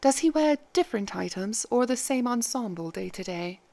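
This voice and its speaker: A woman reading the part of a calm, kindly head maid who speaks gently and formally. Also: fairly high pitch, moderate pace, creaky. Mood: gentle.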